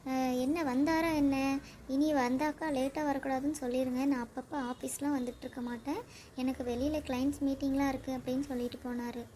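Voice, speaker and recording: A woman's voice: high voice, fairly even intonation, fast, warm tone, a little hiss or hum, natural voice. A woman playing a polite office coworker. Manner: polite, concerned. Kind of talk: comedy sketch acting.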